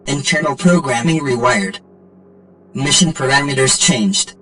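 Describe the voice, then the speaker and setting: Glitching ship robot, clipped mechanical phrasing, mid-range pitch, soft background music. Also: measured pace. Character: malfunctioning ship robot with flat, repeating alarms.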